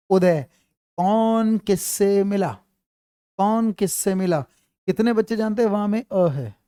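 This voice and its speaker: A man's voice: high-pitched, dark tone, no echo, studio quality. A man teaching an online grammar class, quizzing his students and repeating his questions.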